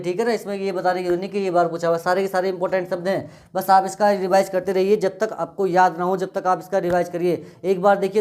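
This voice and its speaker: A male teacher giving an exam-prep spelling lesson, drilling words by repeating them in a steady, methodical way. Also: high-pitched.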